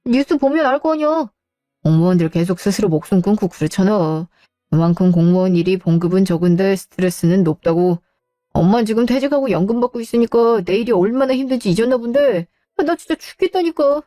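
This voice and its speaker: A woman's voice: mid-range voice, lively intonation, a little fast, mellow, no room sound, clean studio sound, soft background music, lightly acted. A woman playing a whiny, defensive grown son. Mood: whining. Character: grown son, self-pitying overworked civil servant. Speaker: son in a radio drama.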